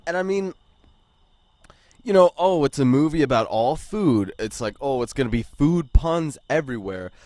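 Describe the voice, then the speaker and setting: A man's voice: medium pitch, animated, moderate pace, a little mellow, no echo. A man giving a casual, rambling movie review, with plenty of swearing and "like" and "you know".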